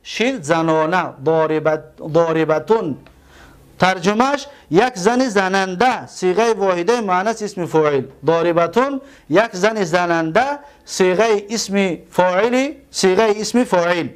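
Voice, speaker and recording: A man with a Tajik accent gives a classroom lecture in a fairly high voice. He explains patiently and repeats each step, asking questions aloud and answering them himself. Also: clean tone. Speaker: teacher.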